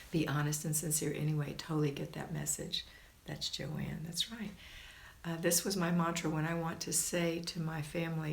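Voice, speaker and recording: A woman with a low, gravelly voice hosts a livestream from a roomy, echoing room at home, reading viewer comments aloud and answering them in a relaxed chat. She's a homemaking coach with an encouraging, folksy way about her, calling her listeners "hun" and "honey."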